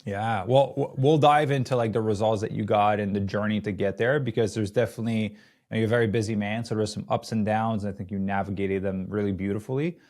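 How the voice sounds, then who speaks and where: Upbeat low-voiced male podcast host. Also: fairly even intonation, fast talker, darkish tone. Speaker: podcast host and fitness coach. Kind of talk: casual interview hosting.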